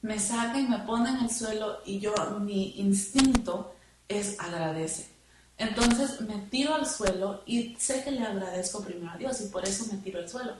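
A woman telling her testimony in church, halting and repeating words as she remembers. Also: medium pitch, a little mellow. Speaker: church member giving testimony. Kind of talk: spoken testimony. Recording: echoey room, far from the mic, noisy.

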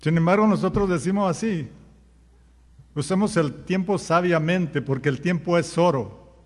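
A pastor delivers a sermon, hurling rhetorical questions at the congregation and acting out everyday sayings in quoted voices. His voice is high, somewhat mellow, and moderately paced, and it echoes like a large room.

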